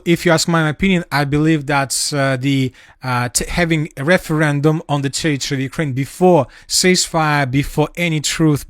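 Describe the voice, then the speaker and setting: Halting man analyzing war news. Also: a little high, dry recording, clean studio sound. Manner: halting, many fillers and restarts, non-native phrasing. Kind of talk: solo spoken analysis.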